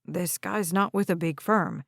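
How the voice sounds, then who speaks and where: A greedy, scheming man, voiced by a woman narrator, smooth and pushy in his speech. It is a dry, close audiobook recording. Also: fairly low pitch, a little slow, no echo. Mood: insistent.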